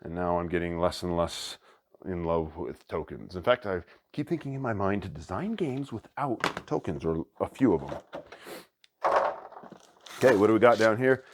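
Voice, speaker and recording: A man hosting a board game channel, chatting excitedly as he unboxes a new game and thinks aloud. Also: low-pitched, moderate pace, background noise. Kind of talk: casual unboxing commentary.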